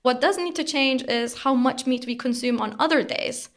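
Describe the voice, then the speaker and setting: A young woman answers interview questions as a researcher, in a measured, explanatory way. Her voice sits a little high and carries a marked gravelly fry. She pauses now and then on small fillers. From Turkey. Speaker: researcher guest.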